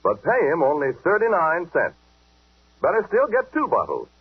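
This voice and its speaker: A man's voice: on the high side, wildly swooping pitch, normal speed, slightly rough. A man announcing a commercial in the chummy, persuasive patter of an old 1940s radio broadcast. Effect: old 1940s radio broadcast sound. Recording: tinny, phone-narrow 1940s radio recording.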